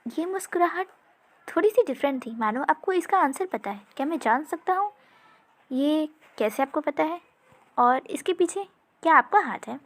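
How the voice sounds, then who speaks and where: A woman's voice: high voice, expressive, normal speed. Woman voicing a probing clan leader. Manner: questioning, pressing.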